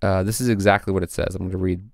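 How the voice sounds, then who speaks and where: Low-voiced man reading old records. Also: flat delivery, very fast, creaky, dry recording, studio quality. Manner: reads passages from old texts, hesitant with fillers. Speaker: podcast co-host presenting research. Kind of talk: casual podcast chat.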